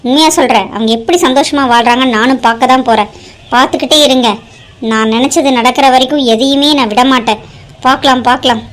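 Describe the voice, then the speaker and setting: A woman voicing a scheming, vengeful middle-aged mother in a cartoon drama, shrill and accusing. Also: quick pace, natural voice. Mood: threatening. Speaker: mother of the bride. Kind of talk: Tamil cartoon drama voice acting.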